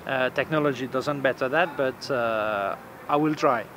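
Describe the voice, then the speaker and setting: Sitting on a bench in an urban plaza, a forties-aged man whose first language isn't English chats through a casual camera-review vlog. He speaks at an unhurried pace in a mid-range, fairly bright voice, stumbling over fillers and repeating words. Quiet street ambience carries through the outdoor recording.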